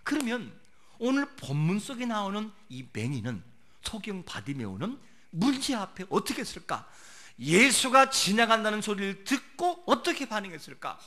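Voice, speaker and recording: A man preaching a sermon as a pastor, asking rhetorical questions and moving between soft and loud delivery. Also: high-pitched.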